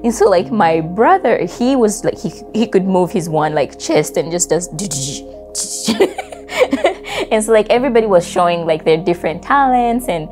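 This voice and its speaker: A woman's voice: medium pitch, sing-song, a little slow. A young woman from Congo telling a personal story in an interview, reflective and loose, with many fillers. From Democratic Republic of Congo. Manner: reflective, with frequent fillers and soft laughs. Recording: music playing underneath.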